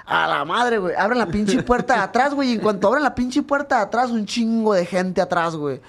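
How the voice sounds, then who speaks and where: A man's voice: high voice, lively intonation, a little fast. A Mexican man, a guest who is a fighter, telling a rambling, profane story among friends in casual chat and tagging nearly every phrase with a slang filler.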